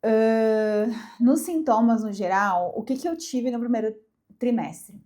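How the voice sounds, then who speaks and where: A young Brazilian woman, stuffed up with a cold, chats to camera in an emphatic, casual vlog about personal things. Her voice is a little high, mellow and measured in pace.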